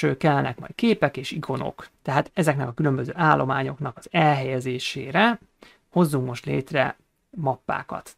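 Gravelly-voiced man explaining code. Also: medium pitch, no echo. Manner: explains step by step, with many hesitation sounds. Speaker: programming instructor. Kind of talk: screen-recorded coding tutorial.

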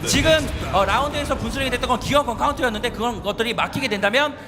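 A man giving excited fighting game announcer commentary, urgently repeating short calls. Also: very high voice, racing. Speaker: esports match commentator. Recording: loud music behind the voice. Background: loud music.

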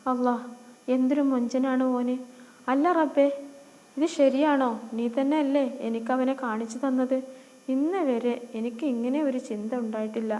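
A woman with a Malappuram accent voicing a gentle young girl lost in dreams of love, speaking softly and wistfully. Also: high-pitched, steady tone, normal speed, in a large hall, lightly acted. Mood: dreamy. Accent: Malappuram Malayalam.

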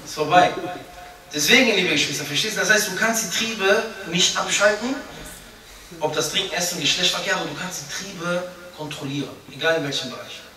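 A man's voice: high-pitched, a little fast, sharp tone. A young man giving an informal, chatty sermon, joking and acting out little scenes as he preaches. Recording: echoey room, voice from a distance.

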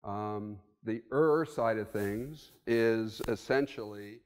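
With slight background noise behind his lowish, slow voice, a man in his sixties gives a conversational keynote at a hotel conference room podium to an audience. He thinks aloud using fillers, and the podium mic records the hall's long reverb.

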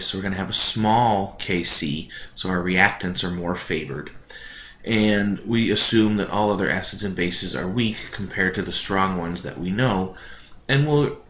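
Man, teacher, low voice, cave-like echo, no proper mic, conversational. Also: a little hiss or hum. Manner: relaxed, conversational explaining. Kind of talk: recorded online lesson. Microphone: built-in computer mic. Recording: echoey room without a proper mic.

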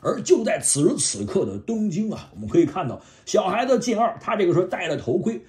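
A man hosting a video, casually retelling a comic story with a chatty, lively delivery. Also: high-pitched, fast. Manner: lively, chatty, acts out lines. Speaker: host retelling a manga.

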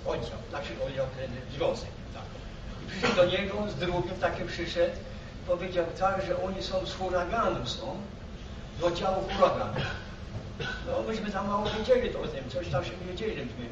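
An old man from Poland with a high-pitched voice recalls his past as a veteran. He rambles haltingly, circling back over his phrases. The recording is muffled and clearly noisy. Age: elderly, 80s or older. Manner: old man's halting, repetitive storytelling with broken-off words. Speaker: war veteran interviewee. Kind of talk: rambling spoken reminiscence. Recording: roomy, muffled, noisy, distant microphone.

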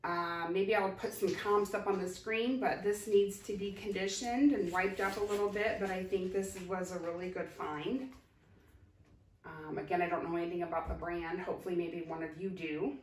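Holding up thrift finds one at a time, a forties-aged vlogger from Ohio who resells secondhand goods chats slowly with plenty of ums in a casual haul show-and-tell. Her lowish voice stays steady, captured by a far-off camera in her home kitchen with roomy sound and a little hiss or hum.

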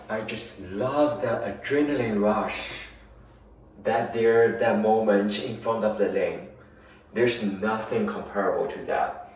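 Deep-voiced man vlogging among ruins. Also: a little mellow, slightly rough, rough recording. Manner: chatty, explaining on the move. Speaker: travel vlogger. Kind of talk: travel vlog narration.

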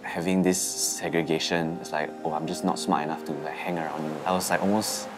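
A young man and band musician reflecting in a relaxed, casual documentary interview. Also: low voice, a little fast. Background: music bed.

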